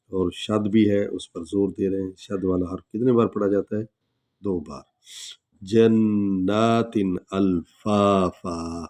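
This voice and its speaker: A man teaching tajweed, chanting verses slowly and then explaining pronunciation rules in plain speech, with an Urdu accent. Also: sits low, dark tone. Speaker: Quran recitation teacher. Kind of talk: tajweed lesson with slow recitation.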